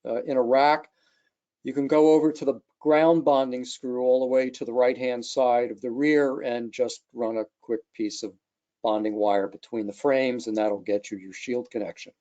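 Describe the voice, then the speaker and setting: Over an online video call, a man acting as a product engineer gives an unscripted technical walkthrough in a mellow, dark voice of middling pitch. His intonation stays fairly even and he talks at a normal speed, though the webcast sound is slightly dull.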